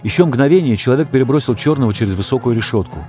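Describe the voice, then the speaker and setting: Male audiobook narrator, warm mellow tone, expressive reading, soft music bed. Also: mid-range voice, rapid-fire. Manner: expressive, raises voice for dogs' shouts. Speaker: audiobook reader. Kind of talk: storybook narration.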